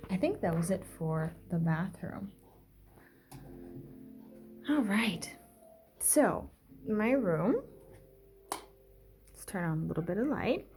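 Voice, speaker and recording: A young woman with a slightly low voice chats her way through a home tour, pausing often on "um" as she moves from room to room. Her voice is picked up indoors in a small apartment, with a faint hum of room ambience behind her. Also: sing-song, a little mellow. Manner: chatty, many "um" pauses, walks through rooms while talking. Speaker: vlogger giving a home tour. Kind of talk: casual house tour narration.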